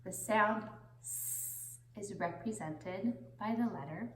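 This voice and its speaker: Young woman teaching in slow singsong. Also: medium pitch, a little hiss or hum. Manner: slow, deliberate singsong with pauses for repetition. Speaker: preschool teacher. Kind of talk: children's phonics lesson addressed to the viewer. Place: indoor classroom, seated on the floor. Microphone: camera a few metres away. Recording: roomy echo from camera distance.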